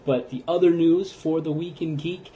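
A man's voice: a little high, normal speed, dull audio, slight background noise. Easygoing man chatting on a podcast. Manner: relaxed, rambling with fillers. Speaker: podcast co-host. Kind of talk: casual chat.

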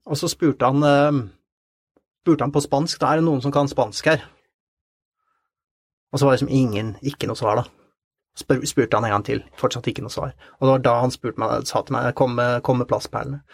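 A man telling a story in an interview, halting and repeating words with many fillers. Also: medium pitch, creaky, husky, no room sound, studio quality. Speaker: interview guest. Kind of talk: conversational storytelling.

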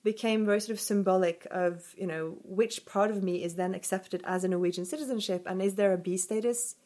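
A woman with a medium-pitched, mellow voice speaks fairly quickly and with fairly even intonation. She is a researcher appearing as a guest on a podcast, answering the interviewer's questions thoughtfully while using lots of fillers and hedges.

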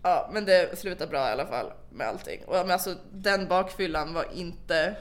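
A young woman co-hosting a podcast, telling a story in casual chat, animated and swearing freely. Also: lowish voice. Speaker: podcast co-host.

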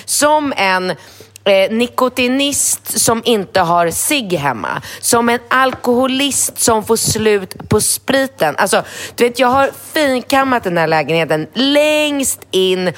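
A woman co-hosting a podcast from home, telling stories in a casual chat with animated, lively quoted asides. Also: a little high. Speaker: podcast co-host. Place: at home in her apartment.

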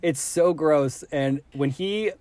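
A woman's voice: deep voice, slow pace, a little mellow. A woman co-hosting a podcast, talking animatedly and sounding incredulous, often laughing. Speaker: podcast co-host. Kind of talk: casual chat.

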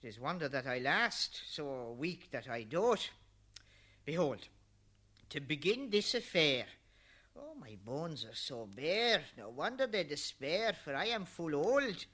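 Brief: a man as aged Noah, grumbling, high bright tone, verse-play delivery. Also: big pitch swings, a little slow, heavily acted. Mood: weary. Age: older. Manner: declaiming verse, grumbling then shouting. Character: weary old man Noah, bossy husband. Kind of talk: old-style verse play.

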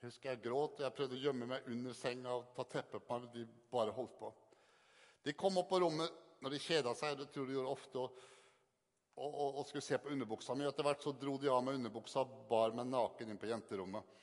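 An older man giving an earnest, halting personal testimony to an audience, often repeating words for emphasis. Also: medium pitch. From Northern Norway. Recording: long hall reverb.

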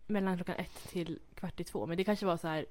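A young woman co-hosting a casual chat, telling slangy stories, laughing often and acting out what people said. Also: on the low side. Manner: lively storyteller, slangy, laughs often, acts out quotes. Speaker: podcast co-host.

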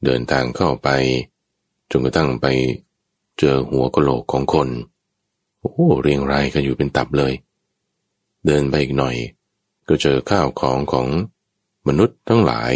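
A man's voice: a bass voice, unhurried, long pauses, a little mellow, dry recording, clean studio sound. A man telling an old folk tale with animation, often speaking straight to his listeners. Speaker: storyteller.

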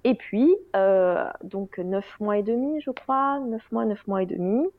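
A woman's voice: medium pitch, a little slow, dry recording. Hesitant woman, dry dull recording. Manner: hesitant, many fillers, wry self-mocking humor. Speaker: guest. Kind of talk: candid interview.

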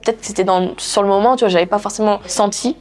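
A young woman giving a personal testimony in a casual, halting way, with many fillers and restarts. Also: mid-range voice, steady tone. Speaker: interviewee telling her story.

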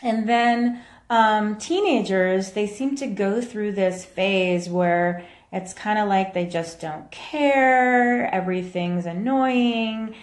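A woman's voice: medium pitch, takes it slowly. A woman hosting a casual live video as a mom coach, chatting with viewers and reacting to their comments, recorded in an echoey room. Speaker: podcast host and mom coach.

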